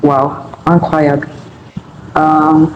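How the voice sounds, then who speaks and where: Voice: medium pitch, flat delivery, very slow, muffled recording. A podcast host interviewing a guest with brief questions. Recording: echoey room, faint noise.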